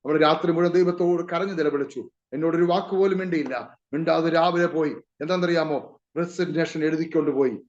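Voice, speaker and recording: A man's voice: on the high side, fairly even intonation, brisk, roomy sound. Male pastor, emotional testimony preaching, dull lo-fi recording. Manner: emotional, calls out to the congregation often. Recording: muffled lo-fi recording.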